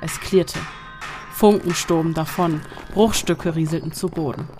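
A narrator reading a horror story in a dark, suspenseful audiobook style over faint music. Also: mid-range voice, fairly even intonation, a little slow. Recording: long reverb with faint music.

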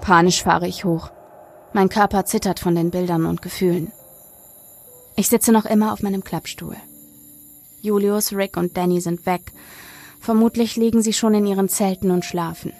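Woman reading a creepy story aloud, creaky gravelly voice, quiet music underneath. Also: mid-range voice. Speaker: story narrator. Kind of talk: first-person horror story reading.

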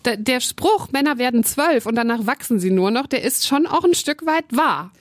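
A woman in her thirties co-hosting a podcast, telling a story in casual, animated chat. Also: on the high side, moderate pace, no echo. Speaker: podcast co-host.

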